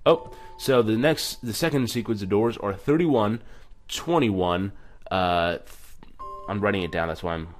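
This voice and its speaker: A man with a fairly low voice hosts a let's-play video at a measured pace, keeping things chatty and self-deprecating. He reads text aloud and stumbles over it along the way.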